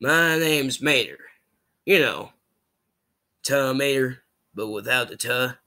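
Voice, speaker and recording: A man's voice: mid-range voice, lively intonation, slow pace, bright, forceful tone, heavily acted. A man voicing a goofy, friendly cartoon tow truck with a twangy Southern US drawl.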